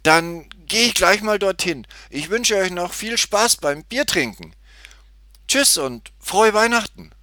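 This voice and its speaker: A man's voice: fairly high pitch, sing-song, unhurried, sharp tone, no room sound, studio quality, pitched above the performer's own voice, heavily acted. A man voicing an eager, chirpy little girl in a storybook reading. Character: cheerful little girl Tutti.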